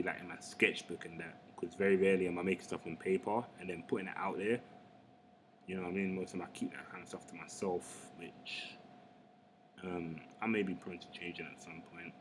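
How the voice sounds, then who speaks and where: A man's voice: low-pitched, fairly bright tone, a little hiss or hum. A young Englishman, chatting casually and rambling with lots of slang while he works on a digital painting. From England. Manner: laid-back, slangy, rambling. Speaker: artist. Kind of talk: casual chat while drawing.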